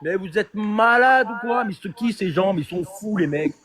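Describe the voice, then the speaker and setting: A man's voice: sits high, expressive, normal speed, a crowd in the background. A man hosting a live stream, confronting a rival in an angry rant full of accusations and rhetorical questions. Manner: repeats phrases for emphasis.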